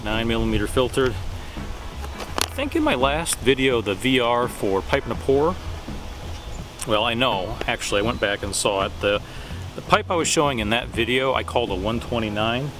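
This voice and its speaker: A man in his forties rambling casually to a camera at arm's length outdoors in the woods, haltingly thinking aloud and trailing off. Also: mid-range voice, lively intonation, background noise. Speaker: pipe-smoking vlogger. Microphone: camera at about arm's length.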